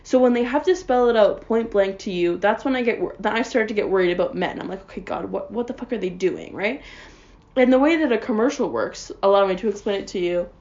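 A woman's voice: medium pitch, a little fast, darkish tone, highs cut off. Sarcastic young woman ranting. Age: young adult. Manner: sarcastic, rambling, heavy on fillers. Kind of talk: casual comedic rant.

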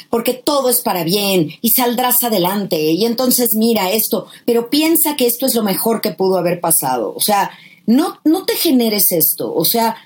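A woman's voice: mid-range voice, darkish tone. A woman, a guest author giving emphatic, impassioned advice about grief in conversation.

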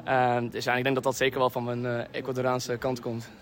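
A man's voice: medium pitch, monotone, fairly quick. A young man answering a street interview in a loose, chatty way full of fillers.

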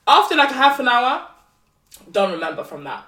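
A woman's voice: sits high, sing-song, bright, forceful tone. A young woman co-hosting a podcast, telling a story animatedly and switching between Swedish and English. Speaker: podcast co-host. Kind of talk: casual storytelling chat. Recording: roomy, distant mic.

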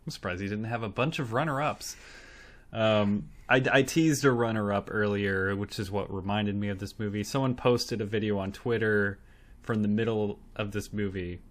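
A man's voice: fairly low pitch, normal speed. A man co-hosting a casual movie review podcast, swearing, laughing and acting out scenes. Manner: animated, laughing, profane, acts out scenes. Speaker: podcast co-host.

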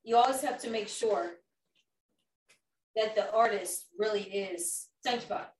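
In an indoor room where a small group sits around a table, a woman with a mid-range voice and measured pace leads an informal youth talk. She preaches emphatically and asks the group questions. The recording is roomy and distant, with faint background noise.

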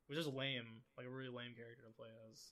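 A man's voice: medium pitch, flat delivery, fast talker, bright, forceful tone. A young man co-hosting a casual podcast chat, rambling through stories and laughing often. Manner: rambling, laughs a lot while telling stories. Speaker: podcast co-host.

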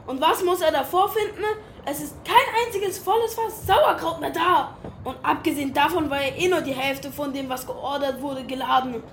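Commanding, easily outraged sea captain for audio drama, female actor, high voice, theatrical delivery. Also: moderate pace, a little hiss or hum. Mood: indignant. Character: indignant male pirate captain, bossy, sauerkraut-obsessed.

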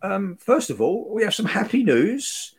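A man's voice: sits high, big pitch swings, unhurried, breathy edge. A British man hosting a podcast in casual chat, droll and mock-stoic while under the weather with a cold. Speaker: podcast host.

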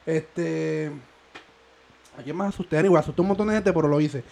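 A man's voice: a little high, brisk, gravelly, darkish tone. A man co-hosting a podcast, joking crudely and bursting into laughter. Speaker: podcast co-host. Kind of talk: casual banter.

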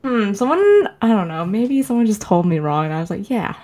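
Soft-spoken young woman who laughs often. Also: mid-range voice, lively intonation, fairly quick. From United States. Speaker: podcast co-host. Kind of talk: casual chat.

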